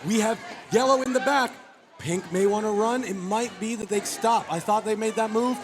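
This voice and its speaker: A man calls a live roller derby bout at a very high pitch, his voice hoarse and worn down. He gets excitable and strains upward when a jammer breaks loose. A clear crowd hums and cheers around him in the arena. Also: normal speed. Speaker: roller derby play-by-play commentator. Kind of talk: live sports commentary. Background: crowd noise.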